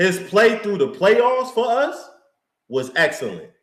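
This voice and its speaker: A man's voice: high voice, big pitch swings, unhurried, fairly bright tone. A man co-hosting a live sports talk show, chatting in a laid-back, slangy way as a fan. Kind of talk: casual live sports chat. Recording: roomy echo.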